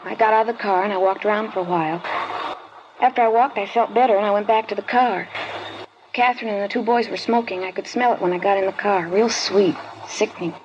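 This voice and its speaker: In a 1950s radio drama, a woman plays a wary 15-year-old schoolgirl informant, recounting events with guarded, halting, evasive answers. Her natural mid-range voice has fairly even intonation, and the old recording is dull and lo-fi with clear hiss.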